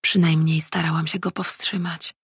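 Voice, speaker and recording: A woman voicing a defiant young mind-reading heroine who argues and pleads, in a husky voice. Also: low voice, level tone, moderate pace, a bit bright, no echo, clean studio sound, exaggerated voice. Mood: arguing. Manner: pleading, arguing.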